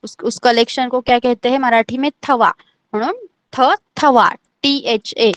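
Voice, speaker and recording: A woman's voice: fairly high pitch, measured pace, no echo, dull audio. A woman teaching an online language class, patiently repeating each letter and checking that everyone understands.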